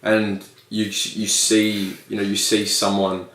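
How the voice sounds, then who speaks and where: A man's voice: lowish voice, monotone, takes it slowly, fairly bright tone, recorded from a distance. A man co-hosting a podcast, talking in casual chat with earnest, sweary, rambling speech, on echoey, off-mic audio. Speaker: podcast co-host.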